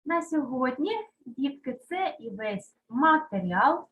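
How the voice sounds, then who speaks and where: Female primary teacher, high lively voice, deliberate dictation pace; muffled recording. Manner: slow, clear dictation of words to children. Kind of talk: children's lesson. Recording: dull lo-fi sound.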